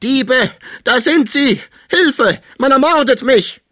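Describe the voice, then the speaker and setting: A man's voice: extremely high pitch, lively intonation, slow, pushed and bright, no echo, clean studio sound, pitched above the performer's own voice, exaggerated voice. A man doing a shrieking, feverish old collector. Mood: terrified. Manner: shrieking, terrified and furious. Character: feverish dying old male art collector, frantic.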